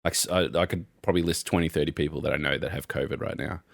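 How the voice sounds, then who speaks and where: In a casual podcast chat, a young co-host rambles through stories with animation and plenty of laughter. His bass voice is gravelly and races along. There's no room sound, and the studio audio is clean.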